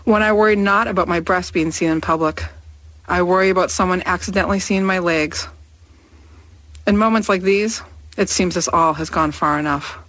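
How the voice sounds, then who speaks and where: A woman's voice: lowish voice, fairly bright tone, no room sound. Woman in her thirties reading a candid essay. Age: 30s. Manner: candid, wry, measured delivery.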